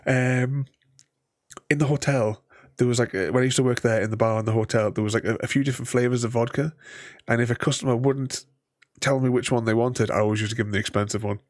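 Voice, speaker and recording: A man giving casual game commentary and reading dialogue aloud in a halting, hesitant way. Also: mid-range voice, steady tone, no room sound, studio quality. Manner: chuckles often. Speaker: game streamer.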